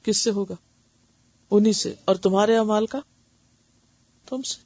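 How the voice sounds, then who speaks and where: A woman teaching Quran recitation and tajweed, patiently explaining each point and demonstrating letter sounds slowly, often checking that listeners follow. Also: mid-range voice, a little mellow, no echo. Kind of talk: tajweed lesson with translation. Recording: dull dry lo-fi recording.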